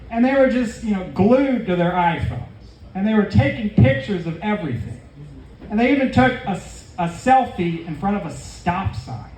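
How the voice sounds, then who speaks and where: High-voiced deadpan comedian man. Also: slight background noise. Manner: deadpan, conversational asides to the crowd. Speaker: stand-up comedian. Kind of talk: stand-up storytelling. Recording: echoey room, distant mic, faint ambience.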